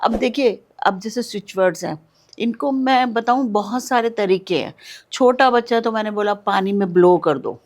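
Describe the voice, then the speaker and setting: A woman speaking as a podcast guest, explaining step by step. She is patient and instructive and keeps repeating the key words. Her voice sits at a medium pitch for a woman. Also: normal speed. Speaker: guest, switch-word remedy expert.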